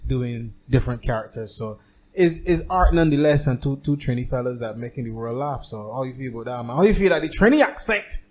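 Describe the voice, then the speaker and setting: Playful podcast host. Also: male voice, mid-range voice, animated, a little fast, a little hiss or hum. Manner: playful, teasing, bursts into loud hype calls. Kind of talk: casual podcast chat.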